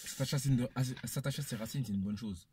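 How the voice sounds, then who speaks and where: A man of Congolese descent speaks on a panel in a casual debate, giving his opinion emphatically and repeating phrases for effect. He talks fast in a lowish, darkish voice, with slight background noise.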